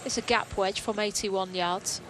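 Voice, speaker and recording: A woman's voice: medium pitch, steady tone, measured pace. A woman working as a golf commentator, giving conversational live analysis of play. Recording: outdoor broadcast with background noise.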